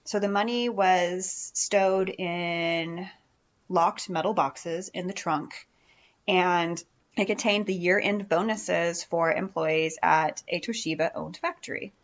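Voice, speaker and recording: A woman co-hosting a podcast, telling a true-crime heist story in a chatty, animated way with fillers and self-corrections. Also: lowish voice, takes it slowly. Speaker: podcast co-host. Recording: dull lo-fi sound.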